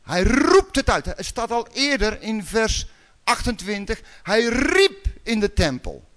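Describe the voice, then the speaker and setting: A man from the Netherlands preaching a sermon in a conversational way, with rhetorical questions and sudden loud calls. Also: high-pitched, very animated, a little slow.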